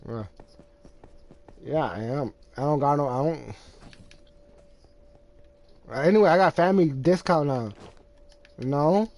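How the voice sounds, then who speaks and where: A man's voice: on the high side, moderate pace, a little mellow. A man live-streaming a game, chatting casually in loose, profane, teasing banter.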